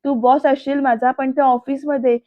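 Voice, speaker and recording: A woman's voice: high-pitched, level tone, moderate pace, dry recording, phone-quality sound, natural voice. A woman voicing a defiant young woman employee who snaps back at her boss. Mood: indignant. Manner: indignant, retorting.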